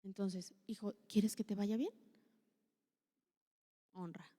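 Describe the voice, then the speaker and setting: A woman's voice: medium pitch, measured pace, darkish tone. Mexican woman preaching in a reverberant hall. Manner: chatty, asks many rhetorical questions. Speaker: speaker at a women's church meeting. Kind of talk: conversational sermon. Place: church hall.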